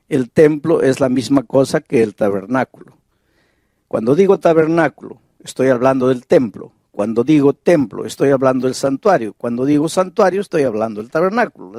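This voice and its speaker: Male pastor, measured sermon delivery, rhetorical questions, dry close mic. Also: on the high side, darkish tone, no room sound. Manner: slow, deliberate preaching with emphatic rises; reads Bible verses aloud, asks rhetorical questions.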